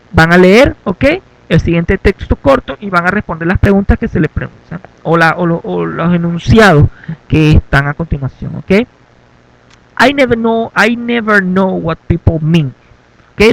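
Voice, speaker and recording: Male English teacher, high voice, dry close mic, instructive and repetitive. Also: no echo, low-quality recording. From Venezuela. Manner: instructive, repeats "ok" as a check. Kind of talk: classroom lesson.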